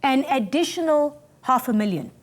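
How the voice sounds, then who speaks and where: A woman's voice: high voice, animated, moderate pace. Blunt South African woman judging contestants. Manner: blunt, stern. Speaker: talent show judge. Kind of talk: critical feedback to contestants.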